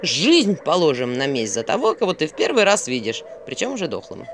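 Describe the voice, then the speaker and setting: A woman's voice: low voice, big pitch swings, fairly quick, slight background noise. A woman voicing a sarcastic, grumbling male owl who mocks his companion in a dry tone. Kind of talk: audiobook character voice.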